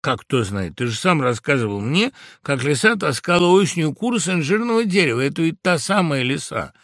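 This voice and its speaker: A man's voice: fairly high pitch, big pitch swings, fairly quick, fairly bright tone, no room sound, studio quality, voice pushed up. A man voicing a suspicious, blunt male woodpecker in a storybook reading, mocking and argumentative. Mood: mocking suspicion.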